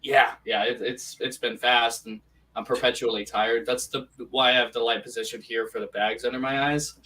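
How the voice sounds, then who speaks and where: A man's voice: mid-range voice, steady tone, normal speed, sharp tone, recorded from a distance. A man chatting casually on a podcast, rambling with many restarts, his voice sounding tinny and metallic, as if in a tin can. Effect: tinny tin-can sounding microphone. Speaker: podcast co-host. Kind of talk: casual chat. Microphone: poorly set up home microphone.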